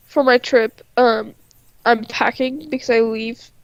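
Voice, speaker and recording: A woman's voice: on the high side, no echo. A woman chatting on a livestream with a stuffy nose and a nasal sound, laughing often and saying "like" a lot. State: stuffy-nosed, congested. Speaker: artist on a livestream. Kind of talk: casual chat. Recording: dry, dull lo-fi stream audio.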